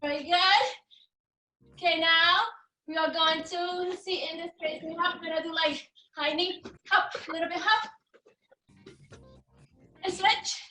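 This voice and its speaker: Woman, gymnastics coach, bright high voice, short repeated warm-up cues, encouraging, distant mic, echoey space, faint music. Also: steady tone, unhurried, pauses often. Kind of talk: live exercise instruction.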